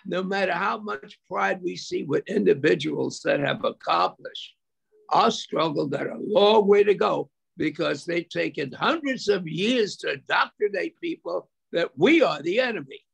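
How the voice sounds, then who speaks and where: A man's voice: sits high, expressive, unhurried, vocal fry, slightly rough. An older man giving an impassioned speech at an event, full of repetition and rhetorical questions, heard over a video call. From United States. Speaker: speaker at a memorial event.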